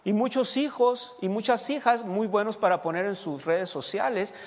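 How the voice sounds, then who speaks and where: Married pastor preaching in a reverberant hall. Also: male voice, high-pitched, moderate pace. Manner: preaching to a congregation, asks them questions, restarts often. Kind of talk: sermon.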